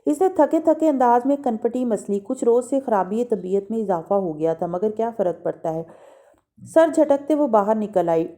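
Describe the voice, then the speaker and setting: A woman narrating a novel aloud, steady and expressive with small restarts. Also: on the high side. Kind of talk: dramatic audiobook reading.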